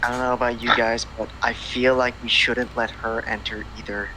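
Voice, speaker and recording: A man chats at a tabletop game session in an easygoing, playful way. His voice sits at a middle pitch, and a steady hum is clearly audible behind him. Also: normal speed, rough recording. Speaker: player. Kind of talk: casual chat at a game table.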